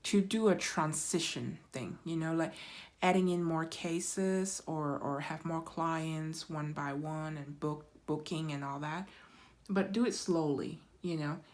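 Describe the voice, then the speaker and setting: A woman giving a pick-a-card tarot reading in an unhurried, reassuring way, often checking in with "right?" and filling pauses with "um". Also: low-pitched, fairly even intonation, a little mellow. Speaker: tarot reader.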